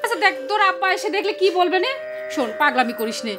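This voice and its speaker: A woman's voice: extremely high pitch, big pitch swings, quick pace, over music. An actress playing a worried mother who coaxes and pleads with her upset daughter in a TV drama. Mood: coaxing. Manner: soothing, pleading, repeats the daughter's name. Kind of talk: TV drama acting.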